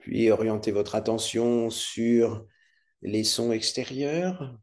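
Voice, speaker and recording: Guy doing guided meditation, really slow n soft-edged mellow voice, calm, soothing, lots of pauses. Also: mid-range voice. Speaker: yoga nidra instructor leading a guided relaxation.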